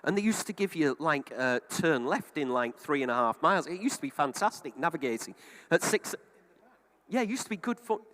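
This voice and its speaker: A man's voice: fairly high pitch, sing-song, fairly quick, fairly bright tone. A middle-aged British man working as a car auctioneer, calling bids in a repetitive running patter with chatty asides. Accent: British English. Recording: reverberant hall sound.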